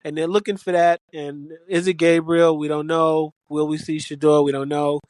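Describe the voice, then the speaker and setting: A man's voice: on the high side, little pitch movement, moderate pace, darkish tone, dry recording. A man co-hosting a casual sports betting podcast, blunt and opinionated with a teasing edge. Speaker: podcast co-host.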